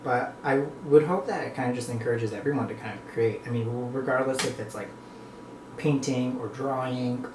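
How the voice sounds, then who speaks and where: In an echoey room with noticeable background noise, a North American vlogger eats while chatting reflectively and casually to viewers, rambling between bites at a moderate pace in a medium-pitched voice.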